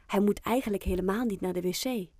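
A woman narrating a children's audiobook in a calm, clear storytelling manner. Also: medium pitch, quick pace, dry recording, clean studio sound.

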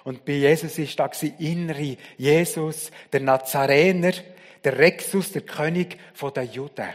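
A man preaching a sermon, telling the story dramatically and swinging from loud to hushed. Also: on the high side, unhurried, long reverb tail.

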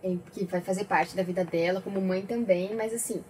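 A woman who is a teacher and mother, speaking in a measured, thoughtful way as a guest on a talk show. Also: medium pitch, fairly even intonation, darkish tone, a little hiss or hum, poor audio. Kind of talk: casual talk show chat.

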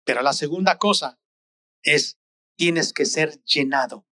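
Preacher, male, high voice, slow and earnest, exhorting, dry sound. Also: pushed and bright, dry recording. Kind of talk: sermon.

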